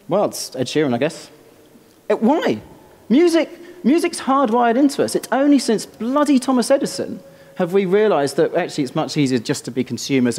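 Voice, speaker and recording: A British man, a composer, giving a live conference talk in an animated, excitable, self-deprecating way. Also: sits high. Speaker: composer and speaker. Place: stage before a live audience.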